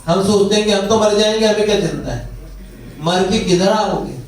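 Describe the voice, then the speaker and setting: A man giving a devotional satsang talk, explaining verses, chanting couplets slowly and asking his listeners questions. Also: sits high. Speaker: spiritual teacher. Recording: echoey hall from far off.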